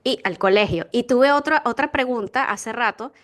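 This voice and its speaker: A woman's voice: fairly high pitch, moderate pace. A young adult woman with a Venezuelan accent, hosting a podcast in chatty, giggly conversation. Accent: Venezuelan Spanish. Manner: chatty, giggly, animated storyteller. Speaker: podcast host. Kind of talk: casual chat.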